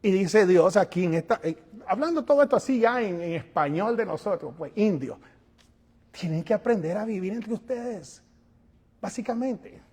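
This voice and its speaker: A male pastor preaching a sermon, animated, moving between quiet asides and loud calls, and acting out little scenes. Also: high voice, normal speed, slightly rough, big-room sound. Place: church sanctuary.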